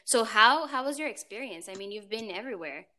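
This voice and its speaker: A woman's voice: on the high side, lively intonation, brisk, pushed and bright. A woman interviewing a guest, asking long questions that ramble and restart.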